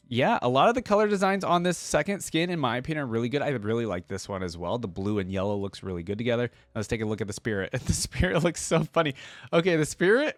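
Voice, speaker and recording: A man with a mid-range voice hosts casual reaction commentary, talking straight to his viewers and sometimes reading aloud. The recording has no echo.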